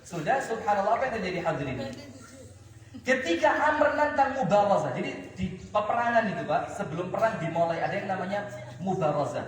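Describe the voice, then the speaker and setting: A man's voice: high-pitched, animated, a little fast. A male preacher with an East Javanese accent, telling a story in a sermon and quizzing his audience. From East Java, Indonesia. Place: outdoor mosque courtyard. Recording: echoey loudspeaker from far off.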